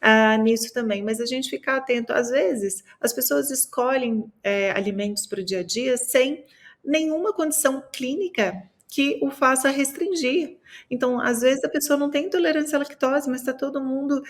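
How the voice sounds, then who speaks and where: A woman from Minas Gerais, Brazil, talks about food in a casual podcast conversation, explaining things with lots of fillers and tag questions. Her voice is high and her speed normal.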